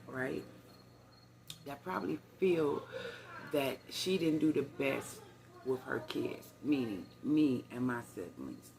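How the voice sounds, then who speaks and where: An older woman with a low, gravelly, darkish voice records a rambling storytime vlog on her phone, chatting conversationally and calling her viewers "y'all". There is slight background noise.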